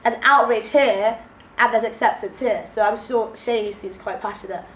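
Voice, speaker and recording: A woman's voice: fairly high pitch, fairly even intonation, normal speed, a bit bright. A woman leading a casual group discussion, raising questions and thinking aloud. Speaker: discussion moderator. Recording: roomy echo.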